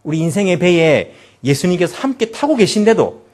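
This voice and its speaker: A man's voice: high-pitched, very animated, normal speed, a little mellow. A male pastor preaching a sermon, asking the congregation rhetorical questions and retelling the story dramatically.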